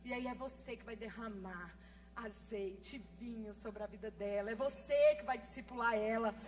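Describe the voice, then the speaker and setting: High-voiced fast-talking woman pastor preaching. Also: a little hiss or hum. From Brazil. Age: 30s. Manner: fast-talking, animated, swings from soft asides to loud emphasis. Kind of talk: sermon. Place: church.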